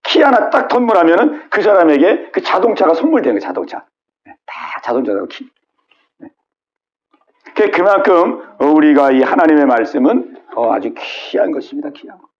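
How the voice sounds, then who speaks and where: A middle-aged man preaching a midweek sermon as pastor, repeating key words and prodding listeners with quick asides. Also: fairly high pitch, big pitch swings, highs cut off. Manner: repetitive call-and-response with frequent "예?". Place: church sanctuary.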